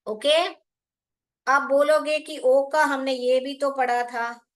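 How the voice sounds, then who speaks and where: Slightly high-voiced woman teacher, unhurried, online phonics class, calls everyone kids, keeps asking questions. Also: flat delivery. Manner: patient, asks many rhetorical questions; addresses learners fondly as children.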